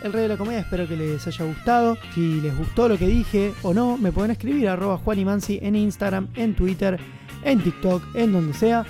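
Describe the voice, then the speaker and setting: A man's voice: sits high, normal speed, warm tone, soft background music. A man with an Argentine accent hosting a casual, chatty film commentary. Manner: chatty, enthusiastic, many fillers.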